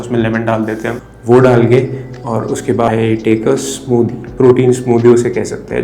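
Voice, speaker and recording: A man's voice: mid-range voice, mellow. A young man, mixing Hindi and English as he explains his fat-loss diet step by step in a casual vlog. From India. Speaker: fitness vlogger. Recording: roomy with faint music.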